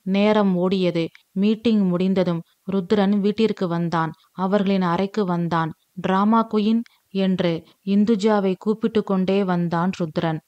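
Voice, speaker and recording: A woman storyteller reads a story aloud in steady, even audiobook narration. Her voice sits at a mid pitch and the recording is dry and close, with no room sound. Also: a little slow, no room sound, dull audio.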